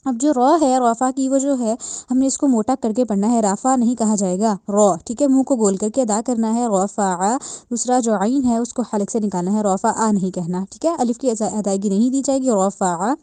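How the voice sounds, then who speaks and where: In a tajweed lesson full of slow, drawn-out recitation, a patient woman walks through the sound of each Quranic letter step by step. Her fairly high voice has a dark, mellow quality, captured close and dry with no room or echo. She repeats points and checks in often.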